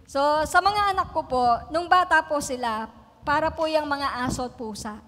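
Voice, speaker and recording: A woman's voice: sits high, normal speed, sharp tone. A middle-aged woman from the Philippines preaching a sermon, telling family stories in a chatty way, laughing often and checking in with the congregation. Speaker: pastor. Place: church hall. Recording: long reverb of a church hall.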